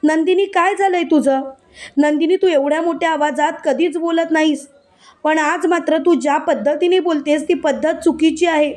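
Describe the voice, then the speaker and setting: Brief: high-pitched firm mother figure, read by a woman narrator, calming and scolding in a story recap. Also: moderate pace, natural voice. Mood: stern.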